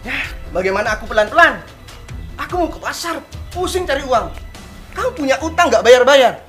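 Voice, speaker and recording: An actor playing a harsh, rude shopkeeper neighbor who scolds a debtor, with a husky, belittling voice in a web drama. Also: male voice, extremely high pitch, sing-song, brisk, fairly bright tone, faint music behind, exaggerated voice. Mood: demanding. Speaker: neighbor shop owner.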